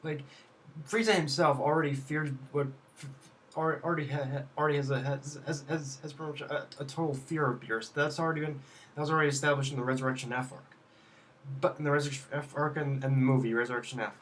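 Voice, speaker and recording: A young man casually reviewing an anime episode, halting and restarting often, with plenty of swearing. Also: on the high side, steady tone, fairly bright tone, a little hiss or hum.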